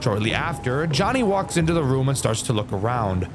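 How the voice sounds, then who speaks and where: A young male YouTuber talks through a horror game in a loose, candid review, with swearing dropped in casually. His pitch swings up and down a lot as he goes, over faint music in the background. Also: sing-song, a little fast. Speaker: gaming YouTuber.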